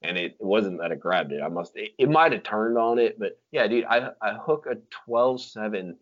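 A man's voice: on the low side, lively intonation, normal speed. A man telling stories in casual chat, with slangy talk full of dude, like and freaking. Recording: dull lo-fi sound.

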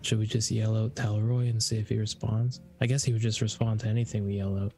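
A man's voice: on the low side, flat delivery, quick pace, warm tone. A man playing a tabletop fantasy game, talking casually with the other players. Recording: background music under the voice.

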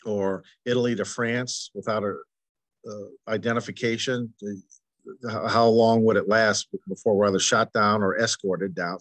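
A man hosting his podcast, speaking earnestly and haltingly, with frequent restarts and stutters. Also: fairly low pitch, fairly bright tone, dry recording. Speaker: podcast host. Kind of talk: conversational interview.

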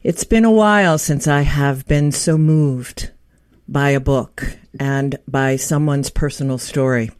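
A woman's voice: very deep voice, takes it slowly, darkish tone, dry recording, studio quality. A woman hosting an interview show, introducing her guest in an earnest, heartfelt way with small restarts. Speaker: podcast host.

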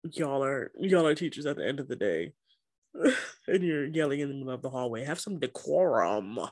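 A woman co-hosting a podcast in casual chat, animated and joking with frequent laughs. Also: rumbling low, brisk, dry recording. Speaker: podcast co-host.

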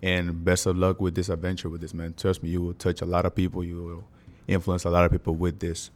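Man, 20s, from Honduras, very low voice, rapid casual podcast talk, fillers. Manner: relaxed slangy talk with many fillers. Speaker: guest. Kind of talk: casual interview chat.

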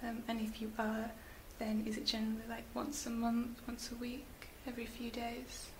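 A woman whispering gently as a spa beauty therapist in an ASMR roleplay, slow and soft with little fillers. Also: on the high side, monotone. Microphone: close sensitive mic. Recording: hissy close mic.

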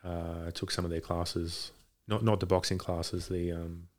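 Man, low-pitched, little pitch movement, hesitant, rambling, casual conversation. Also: little pitch movement, unhurried, slight background noise. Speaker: podcast guest, boxing coach. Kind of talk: casual chat. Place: home garage.

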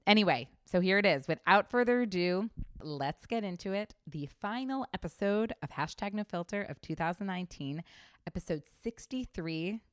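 A woman's voice: on the low side, no room sound, clean studio sound. A woman hosting a podcast, chatty and effusive, swearing casually as she talks. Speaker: podcast host.

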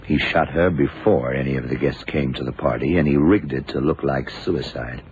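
Heard through a dull, noisy old radio recording, this 1970s drama features a very deep-voiced detective, calm and sure of himself. He speaks at normal speed, laying out his methodical, confident deductions.

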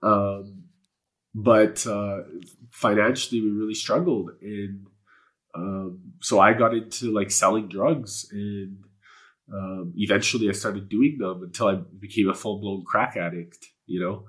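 This low-voiced man speaks a little slowly, with fairly even intonation and a fairly bright tone. A Canadian whose first language is Polish, he's a guest in an open, personal interview. Earnest and spiritual, he wanders off with many fillers and curse words.

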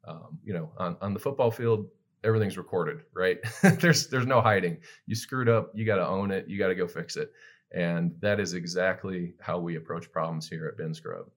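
A man's voice: sits low, normal speed. A man talking earnestly about his business in a casual podcast chat. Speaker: guest business owner.

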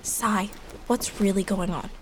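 A woman's voice: mid-range voice, unhurried, background noise, natural voice. A woman playing a dry, skeptical elder sister, wry and direct, in an audio drama. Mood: probing. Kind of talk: family audio drama acting.

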